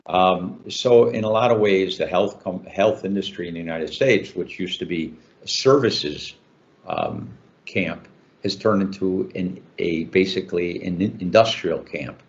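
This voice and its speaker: A man's voice: sits low, expressive, a little slow, dull audio. An older man from Chicago, an author answering interview questions in a talkative way, with many fillers and restarts. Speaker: author guest.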